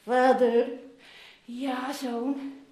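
A woman playing a loving older father who longs for his lost son, telling a Bible story to children in an animated, coaxing way. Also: sits high, drawn-out words. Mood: overjoyed. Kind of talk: interactive Bible story role-play for children. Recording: roomy echoing room.

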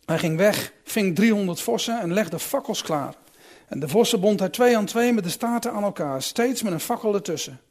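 Guy reading bible and chatting about it, high voice, bouncy, thinks out loud. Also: moderate pace. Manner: lively, musing, with restarts.

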